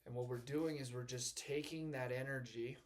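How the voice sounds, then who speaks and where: A man's voice: mid-range voice, steady tone, moderate pace. A young man in a casual self-help monologue who rambles earnestly, swears casually and keeps checking in with "right?". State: just back from the gym. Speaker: vlogger.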